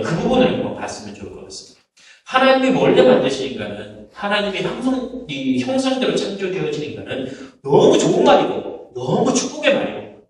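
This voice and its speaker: Pastor with a very lively pitch in a roomy church. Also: male voice. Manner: storytelling, quotes people's curses in acted asides. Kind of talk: sermon. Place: church sanctuary. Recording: echoey church hall, mic at a distance.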